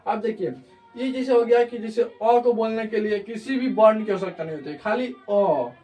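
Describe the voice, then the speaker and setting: High-voiced man teaching grammar online. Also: brisk, mellow, recorded from a distance, soft background music. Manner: repeats checks of understanding.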